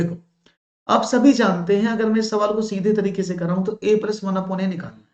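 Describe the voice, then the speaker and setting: A man's voice: high-pitched, a little mellow. A male maths teacher from India leading a live online exam-prep class, praising answers and explaining each step patiently. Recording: roomy, dull lo-fi sound.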